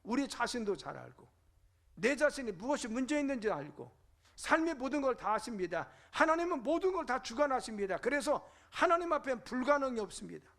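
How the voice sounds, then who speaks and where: A man's voice: very high-pitched, very animated, brisk, gravelly, a bit bright. A middle-aged male pastor preaching a fervent sermon in a church, asking rhetorical questions and answering them. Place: church sanctuary.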